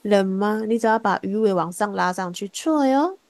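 A woman teaching a Korean class over a video call, patient and encouraging, sounding words out slowly and repeating them. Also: mid-range voice, fairly even intonation, no room sound. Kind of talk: online language lesson.

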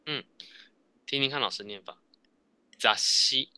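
A man's voice: mid-range voice, moderate pace, sharp tone, clean tone, no echo. A man with a Taiwanese Mandarin accent teaching a Japanese class, patiently drilling students and tagging sentences with "哦". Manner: patient, repeats answers, frequent "哦" tags.

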